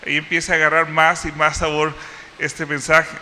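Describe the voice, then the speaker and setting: A man preaching as pastor, his voice very bright and a little high. He teaches a passage step by step, pausing on fillers and restarting phrases. His words trail off into a long hall reverb over a faint hiss. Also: completely flat delivery. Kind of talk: sermon. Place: church hall.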